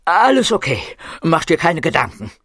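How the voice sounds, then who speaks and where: A man's voice: a little high, huge pitch swings, moderate pace, fairly bright tone, no echo, clean studio sound, voice pushed up, heavily acted. A man voicing a scheming, greedy middle-aged scientist in an audiobook. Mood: soothing.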